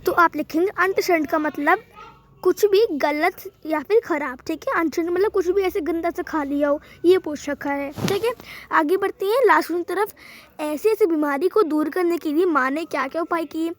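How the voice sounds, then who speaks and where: Lady teacher going through homework answers, high voice, repeats stuff a lot. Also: moderate pace. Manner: patient, explanatory, repeats phrases. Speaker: teacher, channel host. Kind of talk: worksheet lesson.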